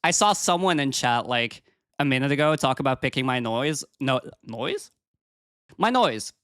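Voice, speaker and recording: A woman's voice: extremely low pitch, lively intonation, moderate pace, a bit bright, clear, resonant tone, dry recording, studio quality. A woman with a cute, cheery anime-streamer delivery, chatting casually with viewers on a livestream as a VTuber.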